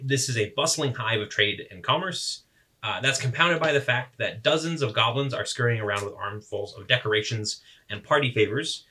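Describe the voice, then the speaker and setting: A man's voice: medium pitch, sharp tone. A young man narrating as game master, describing scenes in a rambling way with fillers and self-corrections.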